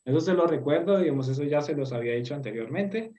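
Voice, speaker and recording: A Turkish teacher leads an online group language lesson over a video call, explaining patiently but hesitantly with many fillers and checking understanding with tag questions. His voice is a little high, expressive, quick and mellow.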